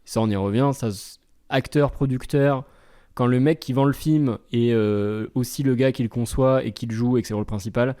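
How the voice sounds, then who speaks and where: Young dude on a movie podcast, warm darkish voice, reads critics out loud then snarks at em. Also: male voice, medium pitch, normal speed. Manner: reads press reviews aloud, then comments sardonically. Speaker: co-host film critic. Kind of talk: casual podcast chat.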